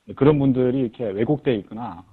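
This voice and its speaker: A man being interviewed about his book, explaining his work in a measured, step-by-step way. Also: mid-range voice, husky. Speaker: guest, insurance agency head. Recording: tinny lo-fi radio-like audio.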